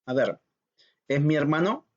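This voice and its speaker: Slow, patient male language teacher. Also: a little high, lively intonation, muffled recording. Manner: slow, patient, repeats words for practice. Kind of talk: recorded language lesson.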